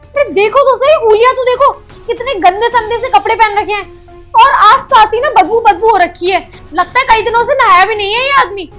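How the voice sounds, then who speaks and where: A rude, contemptuous young woman, as a woman plays her in a very high, piercing voice. She sneers and insults with open scorn. Faint music sits under her lines. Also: fairly quick, fairly bright tone. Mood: sneering.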